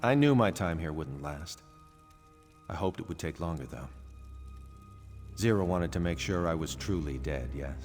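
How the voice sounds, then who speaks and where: A retired thief turned painter for a video game, his voice on the low side. He is a resigned married man with a theatrical, confessional way of talking. A long reverb trails his words, with music underneath. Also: expressive, normal speed, pauses often, a little mellow. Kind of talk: video game character dialogue.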